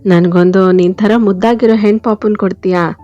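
A teasing, affectionate young husband, as a woman storyteller reads him, scolding gently in a flat, mellow voice. Dull lo-fi sound with faint music underneath. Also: mid-range voice, brisk, natural voice. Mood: playful.

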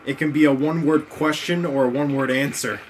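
A man with a New York accent chatting casually on a game stream, reading out a list of slang in a relaxed, halting way. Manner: relaxed, reads aloud haltingly, low mumbled asides.

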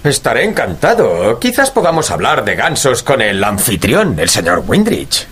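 A man playing an earnest, warm-hearted gentleman doctor in a radio drama, a loyal and polite sidekick. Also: mid-range voice, wildly swooping pitch, moderate pace, breathy edge, heavily acted. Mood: agreeable.

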